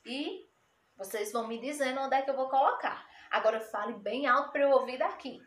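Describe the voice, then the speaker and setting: A woman's voice: high voice, a little fast, fairly bright tone, a little hiss or hum. A woman teacher giving a spelling lesson to children, saying each word twice and explaining it patiently. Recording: echoey room.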